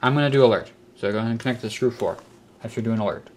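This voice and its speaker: Speaking very fast at a medium pitch, a man narrates a casual hobby electronics how-to, guiding viewers step by step. The handheld camera microphone captures clicks and clear background noise from a cluttered indoor workshop or utility room.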